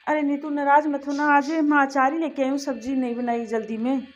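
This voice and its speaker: A woman playing a put-upon elder daughter-in-law in a home family skit, hurried and apologetic. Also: high-pitched, level tone, natural voice. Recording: echoey room, distant mic, faint music.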